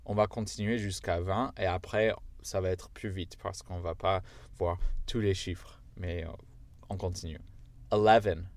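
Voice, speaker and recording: A man's voice: low-pitched, steady tone, unhurried. A man whose first language is English, speaking French with an American accent, patiently teaching a language lesson step by step.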